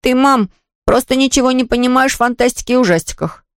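Storybook kid: timid young boy, whiny and defensive, pitched well up, read by a woman. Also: fast talker, smooth, no room sound, clean studio sound. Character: timid young schoolboy, easily scared.

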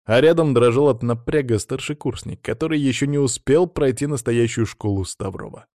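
A male audiobook narrator with a mid-pitched voice and a steady, even storytelling manner. The sound is dry and close, with no room around it. He reads in a plain, measured way. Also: no echo. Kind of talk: scripted narration.

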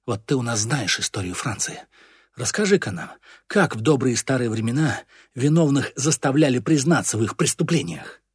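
Guy reading as a bossy kid gang leader, barking threats, husky voice, pitch jumping all over. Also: lively intonation, moderate pace, hardly any pauses, dry recording, clean studio sound. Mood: cold. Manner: commanding, accusing. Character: stern scheming boy gang leader.

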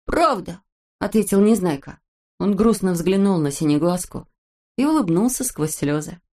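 A woman's voice: fairly low pitch, normal speed. Woman reading a children's storybook aloud. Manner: expressive, steady narration. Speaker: narrator.

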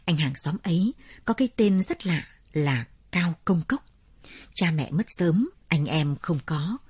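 A woman narrating a story in a measured, dramatic storytelling manner. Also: lowish voice, lively intonation, darkish tone, husky, no room sound, studio quality.

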